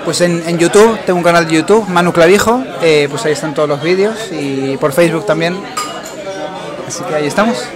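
A man, a singer-songwriter being interviewed, answering in an unhurried, hesitant way. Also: fairly high pitch, crowd noise. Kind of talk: casual interview.

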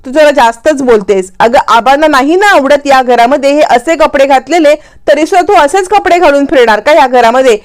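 A woman's voice: high voice, brisk, hardly any pauses, close to an everyday voice. A woman voicing a dutiful traditional young sister-in-law who earnestly reproaches her. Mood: reproachful.

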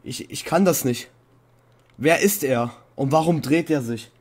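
A young man narrates a spooky game session at an unhurried pace, keeping it casual and joking about how frightened he is. Every so often he jumps into high, panicked yelps before settling back down. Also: breathy edge. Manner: playful mock fear, bursts into high panicked shouts. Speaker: Minecraft let's-play host. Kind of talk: casual gaming commentary.

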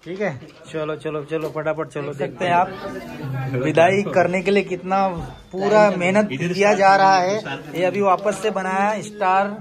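A man vlogging casually on a phone camera around his office, hurrying people along excitedly. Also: high-pitched. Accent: Mumbai Hindi. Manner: excited, hurried urging. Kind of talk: casual vlog chat. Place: office building and street, crowded. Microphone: handheld phone camera. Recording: busy crowd noise behind.

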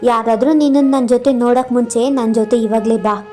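A woman's voice: a little high, fairly even intonation, a little fast, faint music behind, lightly acted. A woman doing a haughty rich sister. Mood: scornful. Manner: sharp, scolding, contemptuous.

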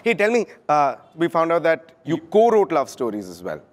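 A man from India hosting a talk show, playfully teasing his guest with quick jokes. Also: a little high, wildly swooping pitch. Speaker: comedian host. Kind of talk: comic talk show banter.

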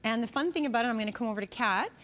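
A woman presenting fashion on a home shopping show, chatty and enthusiastic as she pitches the product. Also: expressive, racing, fairly bright tone. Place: TV studio.

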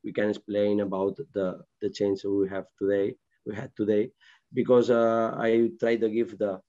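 Football manager guy on a video call, halting english, low flat dark voice, muffled sound. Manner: halting, searching non-native English. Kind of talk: post-match press conference. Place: press room with sponsor board.

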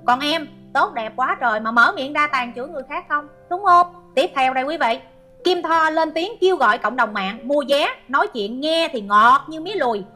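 A woman's voice: high-pitched, expressive, moderate pace, sharp tone, faint music behind. A middle-aged woman hosting an online commentary show, reading out viewer comments and scolding a hater with sarcasm.

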